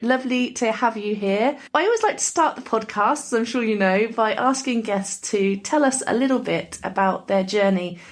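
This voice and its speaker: A woman's voice: a little high, normal speed, hardly any pauses. A woman hosting a podcast interview, enthusiastic and upbeat as she introduces and questions her guest. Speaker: podcast host.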